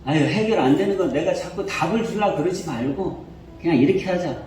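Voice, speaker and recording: A man voicing a patient, resigned middle-aged husband who speaks low and subdued, recorded from afar in an echoey hall. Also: expressive, fairly quick, darkish tone, slight background noise. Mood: pleading. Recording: echoey church hall from far off, faint music.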